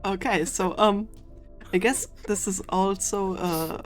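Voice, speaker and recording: A woman, running a tabletop game as game master on a stream, quick and chatty with frequent laughs. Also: mid-range voice, steady tone, soft background music.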